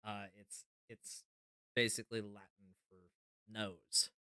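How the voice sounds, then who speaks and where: A man giving casual, joking horror game commentary, often halting as he thinks aloud on his stream. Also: lowish voice, little pitch movement, sharp tone, smooth, dry recording. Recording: music behind the voice. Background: game music.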